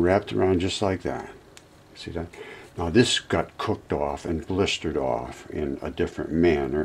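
Indoors in front of a monitor, a man gives a rambling, informal video lecture, calling his viewers his friends. He hosts the channel and is presenting his own theory, in a low, slightly rough, a little mellow voice.

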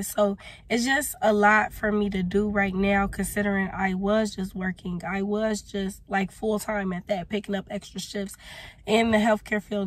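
Still getting her voice back, a hoarse young woman explains herself defensively in a casual direct-to-camera vlog recorded from her parked car. She runs a small business, speaks in a mid-range voice, gestures with her hand, and is filmed close up on a phone camera.

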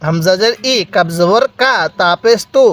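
Brief: high-pitched male Quran reading teacher, patient drill, slow drawn-out syllables for repetition. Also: lively intonation, fairly bright tone. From Bangladesh. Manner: spells out letters and drawn-out vowels slowly, has learners repeat. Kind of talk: step-by-step recitation lesson.

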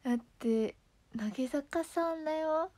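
A woman's voice: sits high, measured pace, mellow. A young woman idol chatting casually on a livestream, giggling often as she reacts to comments. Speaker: idol streamer.

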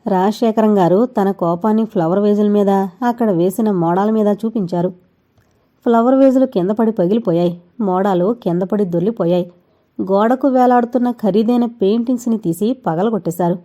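A woman calmly reading a novel aloud as a steady, scripted narration. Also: medium pitch, normal speed.

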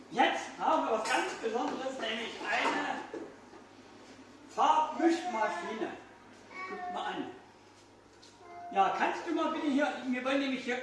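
An older man works a children's party as a magician, playfully peppering the children with questions and exclamations. His voice is very high-pitched and fairly bright. The clip was filmed on a phone camera far back in the audience inside a small room resembling a restaurant, leaving the sound echoey, distant, and lightly noisy.

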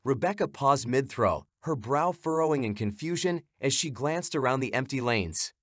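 A man's voice: mid-range voice, expressive, moderate pace, no echo, studio quality. A man giving scripted, suspenseful narration of a horror story.

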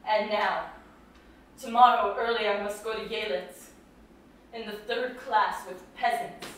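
A woman acting a distraught, wistful young actress on stage, drifting between hushed and sudden outbursts, taped from far in an echoey theater. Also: mid-range voice, steady tone, measured pace, slight background noise, close to an everyday voice. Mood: sorrowful. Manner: dreamy, wandering, drifting between hush and outburst. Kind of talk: stage play performance. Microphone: distant room mic.

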